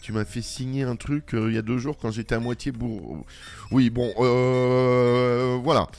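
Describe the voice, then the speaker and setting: A man's voice: medium pitch, a little fast, vocal fry, soft background music. Playful man role-playing a cashier. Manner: playful, talks back to unheard boss and customers. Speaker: let's play gamer. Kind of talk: improvised role-play commentary.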